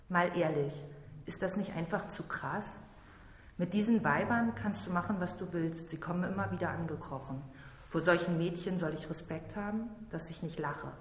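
A woman's voice: lowish voice, a little hiss or hum. A woman reading a crude first-person memoir aloud in a blunt manner. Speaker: reader. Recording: roomy long reverb with faint ambience.

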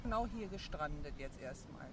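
A woman's voice: sits low, animated, normal speed. Woman, 50s, chatty and blunt, on a noisy street. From Berlin, raised in East Germany. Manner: chatty, frank, restarts often. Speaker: interviewee. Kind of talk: casual street interview. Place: outdoors on a city street. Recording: loud traffic noise outdoors.

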